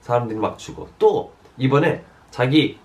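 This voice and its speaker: A man preaching a sermon. He tells a story with lots of fillers and swings between loud and soft passages. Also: medium pitch, lively intonation, normal speed. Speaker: pastor.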